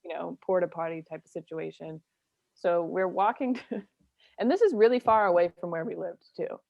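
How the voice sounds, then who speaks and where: Gravelly-voiced woman, laughing storyteller. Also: lowish voice, moderate pace, dry recording, dull audio. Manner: laughs often, acts out quoted voices. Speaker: comedian guest. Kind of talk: casual storytelling.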